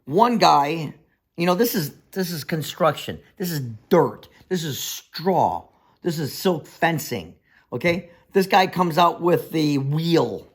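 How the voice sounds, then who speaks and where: Gravelly, exasperated construction man ranting. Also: on the high side, expressive, takes it slowly. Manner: exasperated ranting storyteller, acts out others' voices. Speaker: foundation contractor. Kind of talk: reality-show confessional.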